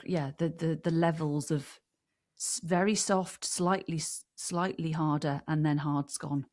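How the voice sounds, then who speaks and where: A woman's voice: deep voice, fairly even intonation, measured pace, a little mellow. A woman from England co-hosting a podcast, giving firm opinions in a wry, teasing way. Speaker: podcast co-host. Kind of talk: casual chat.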